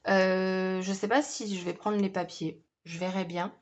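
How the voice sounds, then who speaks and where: A woman's voice: medium pitch, flat delivery, unhurried. A woman chatting casually through a scrapbooking haul, hesitant and full of fillers. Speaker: scrapbooking vlogger.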